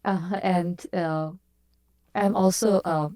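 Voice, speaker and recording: A woman's voice: lowish voice, steady tone, takes it slowly, dark tone, dry recording. A young woman from Bangladesh, a PhD student giving short, hesitant answers with many uhs. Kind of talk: podcast interview.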